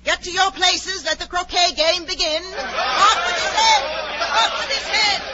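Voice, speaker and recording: A shrill, imperious Queen of Hearts. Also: expressive, a little slow, loud music behind the voice, a loud crowd. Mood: furious. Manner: domineering, barking commands. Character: imperious, hot-tempered Queen of Hearts, bellowing execution orders. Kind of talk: 1940s radio drama acting. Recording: noisy, muffled 1940s radio recording.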